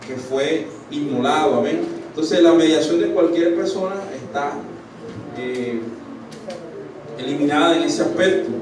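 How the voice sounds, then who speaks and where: Man, preacher, sermon, slightly high voice, distant mic, echoing hall, noisy room. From Colombia. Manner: asks the congregation "right?" often, breaks off and restarts. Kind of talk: church sermon. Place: church hall.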